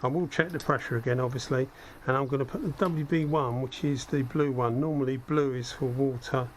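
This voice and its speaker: Recorded on a head-mounted action camera over steady workspace noise, a man shows off spray gun equipment as a hobbyist host. His medium-pitched voice is a bit croaky, as if he has a cold, and he talks fairly fast. The hands-on demo is casual and conversational, full of thinking aloud and self-deprecating remarks.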